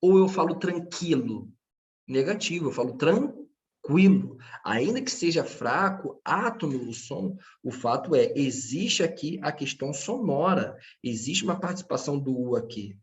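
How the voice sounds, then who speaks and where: A man's voice: fairly high pitch, animated, moderate pace, few pauses. A man teaching a grammar lesson, patient and checking in with his students often. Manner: speaks to his students directly.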